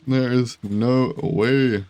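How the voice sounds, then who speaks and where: A gaming YouTuber rambles through casual gameplay commentary in slangy gamer talk, self-deprecating and full of "dude" and "bro." His mid-range voice is steady, a little mellow and extremely slow, sounding congested and slightly giving out.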